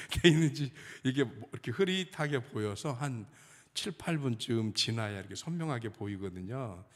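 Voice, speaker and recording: A man's voice: mid-range voice, long reverb tail. A middle-aged male pastor from Chungcheong, Korea, giving a sermon with humorous, chatty storytelling in a church sanctuary.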